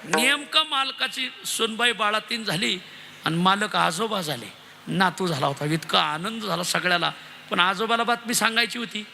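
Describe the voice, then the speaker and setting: Bright-voiced man preaching a kirtan. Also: sits high, normal speed, vocal fry, slight background noise. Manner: lively storytelling, addresses audience as maharaj. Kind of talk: devotional kirtan sermon with storytelling.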